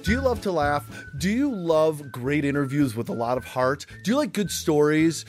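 A man's voice: sing-song, normal speed, music in the background. A man doing a playful, comedic promo for a podcast. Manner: playful, upbeat pitch.

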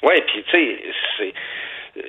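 A man's voice: medium pitch, lively intonation, breathy edge. A man with a Quebec French accent chatting casually on the radio, talkative and full of fillers. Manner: quick, talkative, storytelling with many fillers. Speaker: radio commentator. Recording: phone-line audio.

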